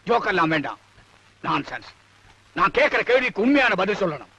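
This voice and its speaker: A man's voice: high voice, big pitch swings, fast, sharp tone, muffled recording, exaggerated voice. A blustering army-major father. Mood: stern. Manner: gruff, barks English curses.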